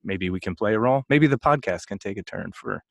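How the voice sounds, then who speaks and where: A man's voice: lowish voice, lively intonation, quick pace, creaky, fairly bright tone, dry recording. A man in his late thirties co-hosting a podcast, rambling and joking as he thinks aloud in casual chat. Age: 30s. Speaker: podcast co-host.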